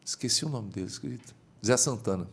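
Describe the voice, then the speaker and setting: Lively storytelling bishop, mid-pitched man. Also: fast, gravelly, breathy edge. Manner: lively storyteller whose voice climbs high when excited. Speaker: bishop and podcast guest. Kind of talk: storytelling in a podcast interview.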